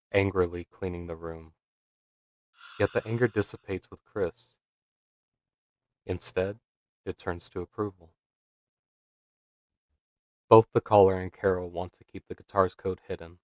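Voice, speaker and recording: A man giving scripted narration for a video essay, measured and dramatic, posing rhetorical questions. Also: sits low, no room sound.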